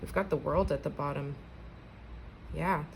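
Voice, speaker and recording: Low-voiced woman giving a chatty tarot reading. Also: a little slow, creaky, slight background noise, poor audio. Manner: chatty, conversational, addresses viewers directly. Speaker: tarot reader. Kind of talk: casual collective tarot reading.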